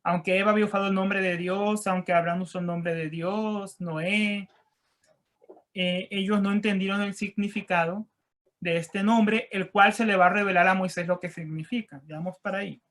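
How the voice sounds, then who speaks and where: A man teaching a Bible lesson online and walking listeners through slides. He reads verses and Hebrew words slowly and carefully, stressing and repeating key phrases in a measured teaching voice. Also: high-pitched, fairly even intonation, a bit bright. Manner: slow, deliberate reading of scripture and Hebrew words.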